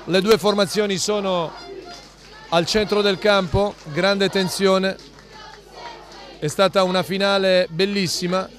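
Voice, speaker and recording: High-pitched male football commentator. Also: unhurried, long pauses. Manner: excited, dramatic goal calls that build to shouts. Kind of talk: live Italian football commentary. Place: outdoor football ground. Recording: outdoor stadium with crowd and music behind. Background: crowd and music.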